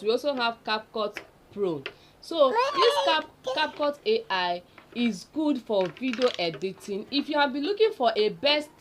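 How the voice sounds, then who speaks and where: A fairly high, somewhat bright female voice with a Nigerian accent, plus slight background noise. She hosts an offhand, unscripted explainer listicle, repeating points for emphasis and speaking right to the viewers.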